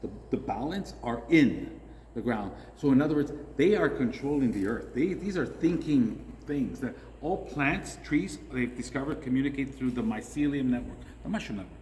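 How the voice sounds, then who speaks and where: A man with a medium-pitched, slightly mellow voice talks at a moderate pace in an animated way. He's a guest in a casual chat, enthusiastically telling long stories that wander off on many tangents. The recording has a long hall reverb and faint noise.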